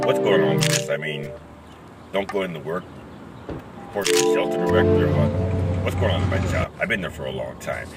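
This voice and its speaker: A man playing a frustrated, worried laid-off worker who mutters and repeats his words in a halting dramatic monologue. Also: sits low. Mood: indignant. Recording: distant voice under loud music.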